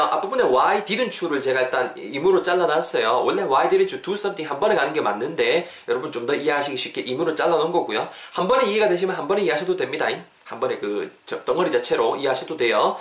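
A man runs a casual English lesson, switching between quick explanation and slowly drawn-out English sentences. His voice sits fairly high and he acts out little scenes with playful exclamations. The recording carries a noticeable room echo. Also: animated, fairly bright tone. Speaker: English teacher and podcast host. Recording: echoey room.

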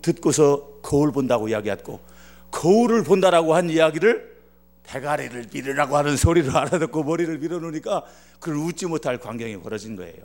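A man's voice: a little high, a little mellow. A man from Chungcheong preaching as a guest pastor, telling a funny story and acting out its dialogue. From Chungcheong, Korea. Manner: jokey, acts out dialogue in dialect. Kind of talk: humorous sermon storytelling.

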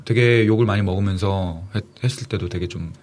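Young male actor, quick lively storyteller, guest on a talk show. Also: lowish voice. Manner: lively storytelling, acts out shouted quotes. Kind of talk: casual chat.

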